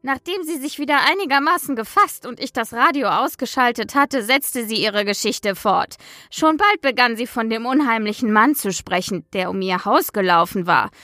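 A woman playing a frightened, snippy grandmother who gives dramatic, deliberate testimony in a German horror audio drama. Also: fairly high pitch, sharp tone, dry recording, studio quality. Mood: tense recounting.

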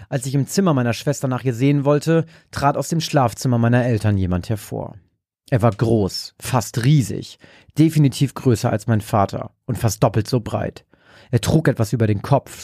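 A man narrating a dark horror story in a slow, measured way. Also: mid-range voice, dry recording, clean studio sound. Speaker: podcast host and story narrator.

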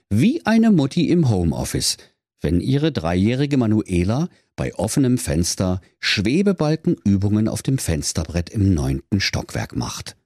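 A man's voice: on the low side, a little mellow, dry recording, studio quality. A man narrating a comic fairy tale in a mock-solemn storytelling manner. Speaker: podcast host and narrator.

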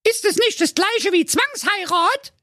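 A man voicing a snippy, bratty young princess in a cheeky falsetto. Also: expressive, a little slow, pushed and bright, no echo, clean studio sound, full character voice. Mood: horrified.

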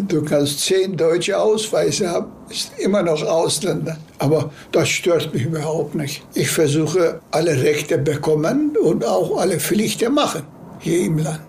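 A man's voice: on the high side, a little slow, gravelly, a little mellow. An older man from Turkey, speaking plain, broken German in an interview clip. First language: Turkish. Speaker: eyewitness in a documentary.

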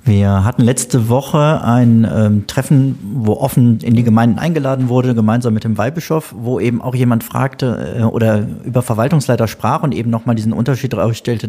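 Mellow-voiced man hosting a podcast. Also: medium pitch, slightly rough. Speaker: podcast host, interviewer. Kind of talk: podcast interview.

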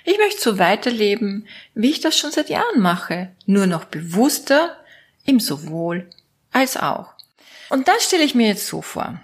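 A woman's voice: medium pitch, very animated, a little slow, slightly rough. A woman from Austria with an Austrian German accent, musing aloud to her viewers in a playful, casual monologue as a network marketing coach. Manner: playful, musing aloud, switching between options.

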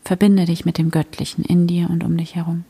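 A woman guiding a prayer meditation in a soft, breathy whisper, gentle and soothing. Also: fairly low pitch, little pitch movement, a little fast.

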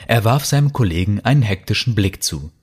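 A man narrating a scripted audio story with lively storytelling. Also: on the low side, brisk, husky.

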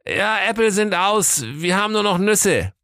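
A man's voice: sits high, sing-song, unhurried, pushed and bright, no room sound, studio quality, pitched above the performer's own voice, full character voice. A man voicing a sly, bossy big bad wolf, snappy and impatient, in a comic storybook reading. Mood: bossy scheming.

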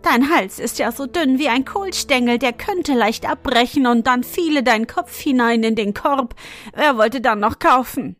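A woman's voice: a little high, measured pace, fairly bright tone, faint music behind. A woman voicing a bold little market boy who scolds an old woman in a storybook reading. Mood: cheeky. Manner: scolding, cheeky.

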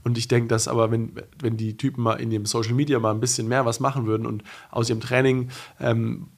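Speaking quickly at a medium pitch with a level tone and some vocal fry, a young male racer chats as a podcast guest. It's loose, rambling talk, constantly restarting, padded with fillers and punctuated by bursts of emphasis.

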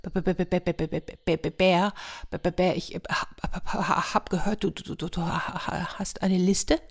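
A woman's voice: fairly low pitch, fairly even intonation, moderate pace. A woman voicing a frightened male hare in a storybook tale, stuttering over every word with a shaking voice. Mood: terrified stuttering.

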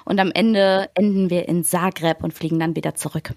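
A woman's voice: lowish voice, steady tone, normal speed, darkish tone, no room sound. Chatty woman podcast host, dry sound. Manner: chatty, laughs often. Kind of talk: casual chat. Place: on holiday away from the studio.

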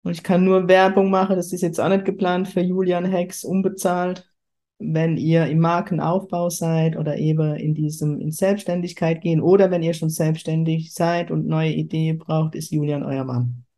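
Low and dark-toned, with little pitch movement and a moderate pace, a woman from Kurpfalz, southwest Germany, hosts a podcast. The spiritual medium chats spontaneously and casually, effusive and exclamatory.

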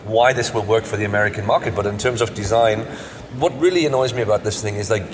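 A man's voice: on the low side, quick pace, noisy background. A man from Europe chatting casually as a podcast co-host, emphatic and often repeating words for stress. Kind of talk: casual car show discussion. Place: indoors at an auto show stand. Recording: echoey hall with crowd chatter.

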